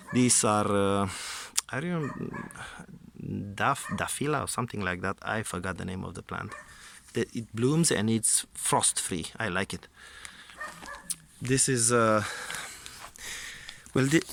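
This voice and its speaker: A man's voice: fairly low pitch, a bit bright. A man giving a casual, unscripted garden tour outdoors, hesitant and often repeating his words as he goes. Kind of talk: casual unscripted vlog narration. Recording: clear background noise outdoors.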